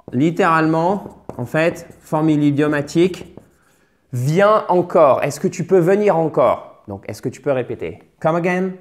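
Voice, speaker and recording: Man, native French speaker, English lesson, patient explanations, repeats words, fairly high pitch. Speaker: English teacher. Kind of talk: bilingual vocabulary lesson.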